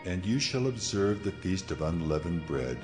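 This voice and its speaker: Over soft background music, a deep-voiced man with lively intonation and normal speed voices God in a dramatized scripture reading. Solemn and commanding, he pronounces laws with authority.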